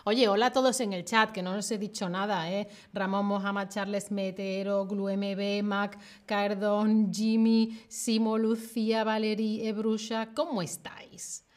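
A woman from the south of Spain with a southern Spanish accent, teaching a live online Spanish lesson, speaking clearly and repeating her clues. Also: mid-range voice, flat delivery. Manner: slow, clear, repeats clues, laughs often.

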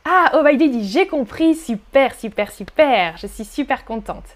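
In a live online lesson, a woman with a high, animated voice teaches French pronunciation. She articulates slowly, repeats words for her learners, and encourages them while reading their chat comments.

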